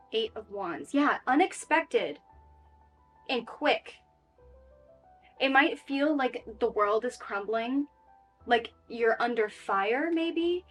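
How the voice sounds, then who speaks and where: High-voiced woman giving a tarot reading. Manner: chatty and reassuring, with frequent fillers. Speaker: tarot reader. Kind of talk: casual spoken tarot reading.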